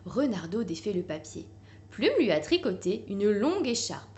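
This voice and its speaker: A woman reading a children's picture book aloud in a gentle, expressive way. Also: mid-range voice, moderate pace. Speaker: storyteller.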